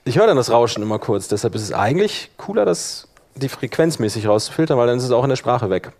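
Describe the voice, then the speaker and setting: A man runs an informal live software tutorial as a workshop instructor, thinking aloud as he demonstrates. His mid-range voice is expressive, and he talks fast.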